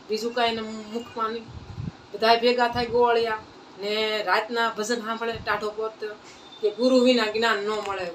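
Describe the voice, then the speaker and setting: The telling of a saint's life comes from a devotional storyteller at a satsang, her voice medium in pitch and a bit bright. She narrates plainly in a folk manner, repeating phrases. Faint ambient noise sits under the distant mic recording.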